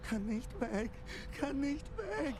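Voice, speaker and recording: A man's voice: very high-pitched, big pitch swings, takes it slowly, darkish tone, full character voice. An actor voicing a frightened young man who mutters fearfully, heard faintly as game audio under noise.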